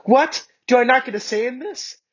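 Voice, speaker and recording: A man squeaking as a panicky young woman. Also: slow, husky, highs cut off, exaggerated voice. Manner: squeaky, exaggerated falsetto.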